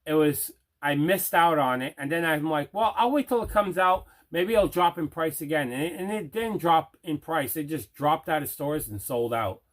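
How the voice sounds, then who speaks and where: The host of this collecting unboxing video is a man whose voice runs on the high side; he talks at a normal speed with hardly any pauses. Chatting casually and enthusiastically to the camera, he emphasizes things by repeating words.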